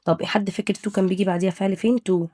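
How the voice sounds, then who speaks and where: Fast-talking Egyptian woman teaching English. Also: mid-range voice, fairly even intonation, mellow. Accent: Egyptian Arabic. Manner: drills students with quick questions and answers; switches between Arabic and English words. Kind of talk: exam review lesson.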